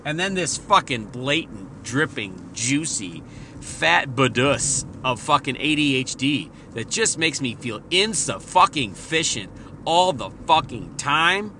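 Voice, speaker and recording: A man's voice: a little high, pushed and bright, slight background noise. A married man hosting a solo podcast, talking in a casual, profane, rambling and self-deprecating way. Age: adult, married father. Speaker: podcast host.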